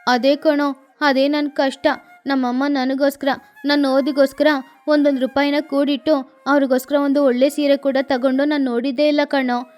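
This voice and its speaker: A woman voicing a sad, gentle young boy crow in a cartoon, speaking in an earnest, plaintive way. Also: high-pitched, flat delivery, moderate pace, soft background music, close to an everyday voice. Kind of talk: cartoon voice acting.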